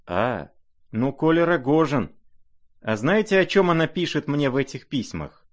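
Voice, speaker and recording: Guy putting on a fiery jealous young woman, pitched up, demanding questions. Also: sing-song, moderate pace. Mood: agitated. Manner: rising, insistent questioning. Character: proud impetuous young woman, sharp and jealous.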